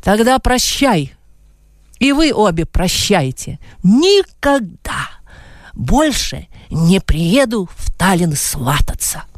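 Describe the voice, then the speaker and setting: A woman's voice: medium pitch, big pitch swings, slow pace, no echo, clean studio sound. A woman voicing a nervous middle-aged male suitor who stammers and pleads. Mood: pleading.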